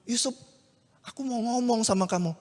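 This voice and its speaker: A hushed young woman, frightened and pleading, her words spoken low and tender as a male preacher puts her on. Her voice sits high and carries the long echo of a big hall. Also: moderate pace. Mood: hesitant. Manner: soft, hushed delivery.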